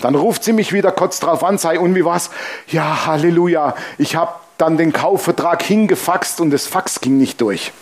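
A man preaching to his congregation as pastor, blunt and colloquial, acting out the voices in the stories he tells. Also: moderate pace. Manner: animated storytelling, acting out dialogue with shifting pitch. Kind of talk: sermon.

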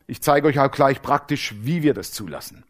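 A man preaching a sermon with dramatic storytelling, swinging between loud emphasis and low hushed asides, slowing down to stress key words. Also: lively intonation. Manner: slows down to stress key words, then rushes.

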